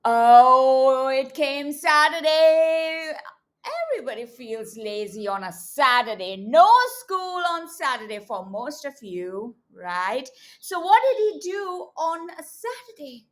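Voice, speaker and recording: A teacher with a high voice reads a picture book aloud to young children. She's expressive and coaxing, asking the listeners questions and deliberately emphasizing words.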